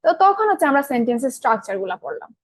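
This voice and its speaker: A woman's voice: high voice, big pitch swings, rapid-fire, dry recording. A young woman teaching an online grammar class in a casual, colloquial style, often asking her students questions and answering them herself. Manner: colloquial, mixes in English terms.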